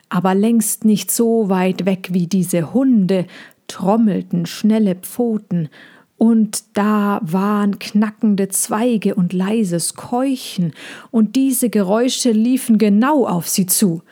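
A woman reading a children's story aloud in a slow, hushed, suspenseful way. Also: medium pitch. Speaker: narrator.

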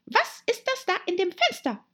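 Woman doing a squeaky, bossy storybook rabbit, lively and shrill. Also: moderate pace, exaggerated voice. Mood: irritated. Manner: shrill, scolding, shouting commands. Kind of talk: audiobook character voice.

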